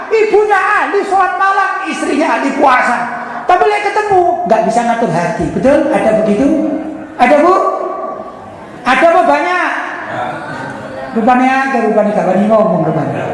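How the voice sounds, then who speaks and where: Preacher, woman; lively storytelling lecture, quizzes the crowd, heavy room echo. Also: high voice. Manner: animated, quizzes the audience and acts out quoted dialogue. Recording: echoey hall with long reverb.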